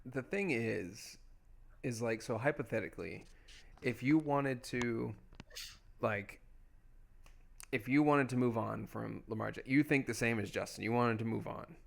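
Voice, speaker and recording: A young man with a gravelly edge to his voice talks fantasy football at a medium pitch. He rambles enthusiastically and fills his sentences with "like.". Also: a little slow, long pauses. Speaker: podcast co-host. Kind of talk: casual sports chat.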